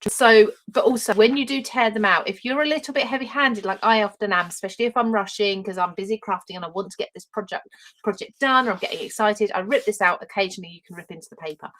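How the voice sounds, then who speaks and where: A woman's voice: medium pitch, fast, fairly bright tone, low-quality recording. Chatty Essex woman demoing craft papers. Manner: chatty and enthusiastic, greets viewers by name mid-demo. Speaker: papercraft designer presenting her own collection. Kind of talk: live-stream product demonstration.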